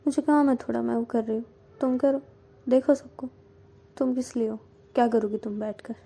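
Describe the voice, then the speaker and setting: A woman's voice: fairly high pitch, steady tone, normal speed, gravelly, mellow. A woman voicing a young female teacher who gives cool, needling orders to a colleague. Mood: bossy. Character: bossy teasing female teacher, young adult.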